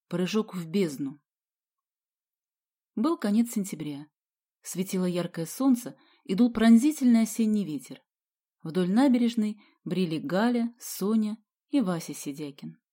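A woman narrating a children's audiobook in an expressive storytelling manner. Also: medium pitch. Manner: expressive storytelling, slow headings. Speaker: audiobook reader.

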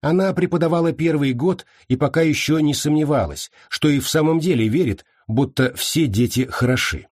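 A man narrating a novel as an audiobook in a slow, measured reading. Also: on the high side, darkish tone, no echo, clean studio sound.

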